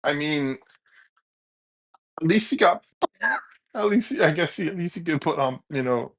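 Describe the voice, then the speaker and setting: A man hosting a reaction video, rambling with halting restarts and blunt opinions. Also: a little high, animated, fairly bright tone. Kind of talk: casual reaction commentary.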